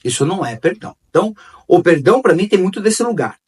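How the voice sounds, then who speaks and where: A man's voice: sits high, sing-song, fast talker, darkish tone, slightly rough, distant mic. A man hosting a conversational talk on forgiveness, repeating key phrases and telling stories. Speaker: host.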